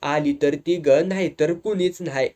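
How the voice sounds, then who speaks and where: A man's voice: fairly high pitch, unhurried, darkish tone, close to an everyday voice. A man voicing a stubborn middle-aged village headman from with firm, ringing declarations.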